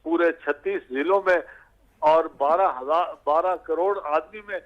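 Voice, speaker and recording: A man speaking as a political guest on a talk show, halting and full of filler sounds. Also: a little high, lo-fi sound.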